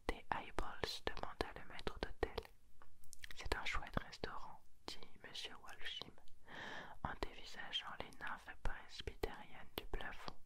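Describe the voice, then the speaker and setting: Slow, close whispered literary reading. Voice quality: close, breathy, unvoiced whisper. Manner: slow, deliberate literary storytelling. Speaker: ASMR reader.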